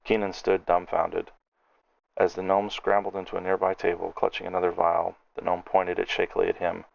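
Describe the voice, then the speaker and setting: A man's voice: low voice, completely flat delivery, moderate pace, creaky, muffled recording. A man narrating a fantasy audiobook in the first person, reading steadily and descriptively.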